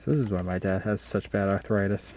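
A man's voice: low voice, fairly even intonation, fast talker, darkish tone. A man making wry, joking remarks while a colleague works in a basement. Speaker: co-host and helper. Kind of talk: casual banter on a job site.

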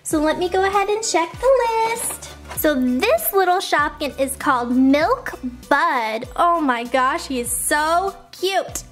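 A woman's voice: very high voice, lively intonation, slow, a bit bright, faint music behind. A woman hosting a toy unboxing, gushing and cooing as she opens each little figure. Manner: gushing, cooing over tiny toys. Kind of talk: excited toy unboxing chat.

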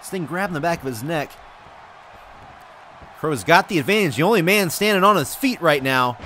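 An excitable man calls a wrestling video game match play by play, often breaking into shouts and exclamations. His voice sits high and comes across bright and sharp. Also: moderate pace, a little hiss or hum. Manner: addresses viewers as folks.

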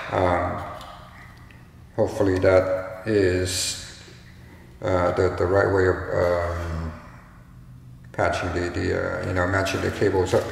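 Echoey, slow, halting man's voice. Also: low voice, vocal fry. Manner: halting, tentative. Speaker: do-it-yourself demonstrator. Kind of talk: casual unscripted tutorial. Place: bare, echoey indoor room. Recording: strong echo, hollow reverberant room, faint noise.

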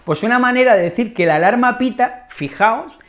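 A woman with an accent from Spain teaching a language lesson, expressive and repeating key phrases as she acts out examples. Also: on the high side, normal speed. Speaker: Spanish teacher.

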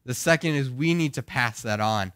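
A young male pastor preaching in an earnest, questioning way, his voice groggy. The tone is bright and forceful, and the sound is close and dry. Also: mid-range voice, normal speed, smooth, no room sound. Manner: earnest, asks the congregation questions. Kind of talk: sermon.

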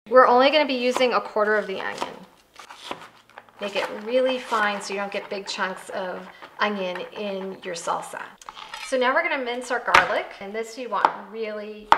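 A woman in her thirties with an American accent hosts a cooking show, walking through a recipe step by step in a conversational way. Her medium-pitched voice sounds pushed and bright. She's indoors in a home kitchen with background music and slight background noise.

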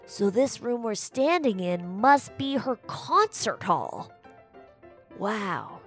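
A woman's voice: on the high side, sing-song, takes it slowly, fairly bright tone, faint music behind, exaggerated voice. A woman voicing a curious young boy explorer in a children's audio drama, eager and full of wonder. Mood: amazed.

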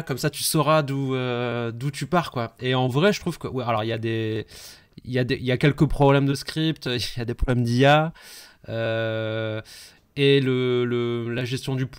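A man co-hosting a podcast, talking at length in a casual, animated way about games he has played. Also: medium pitch, clean tone, dry recording. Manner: talkative, animated recounting of games. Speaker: podcast co-host. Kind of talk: casual gaming chat.

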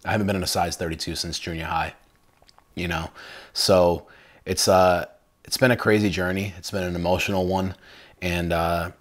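A man's voice: low voice, level tone, normal speed. A young adult man hosting a casual cooking vlog from his home kitchen, chatty and enthusiastic with lots of fillers. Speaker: cooking channel host.

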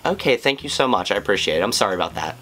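A man's voice: fairly low pitch, big pitch swings, rapid-fire, pushed and bright, a little hiss or hum. A man in his twenties talking casually, as a prank caller and video host in a living room. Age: 20s. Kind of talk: casual vlog and prank call talk. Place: small indoor living room, on a couch.

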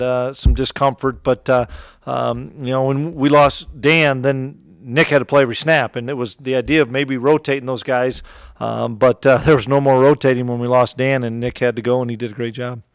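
A middle-aged man with an Upper Midwest American accent, a head football coach answering press questions after a game in a relaxed, plainspoken way, with many fillers and restarts. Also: mid-range voice, clean tone, dry recording, clean studio sound. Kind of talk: postgame press conference answers. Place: press room in front of a sponsor backdrop. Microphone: table mic close in front.

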